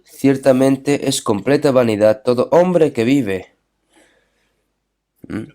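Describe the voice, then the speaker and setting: A man with a slow, mellow, mid-range voice preaches a sermon. He reads scripture aloud, poses rhetorical questions, and keeps checking in with listeners through short tag questions.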